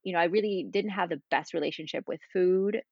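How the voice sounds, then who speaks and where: Low gravelly woman, chatty podcast guest. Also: fairly quick, dry recording, highs cut off. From Spain. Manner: chatty, rambling with fillers and asides. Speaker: podcast guest, cooking creator. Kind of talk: casual interview chat.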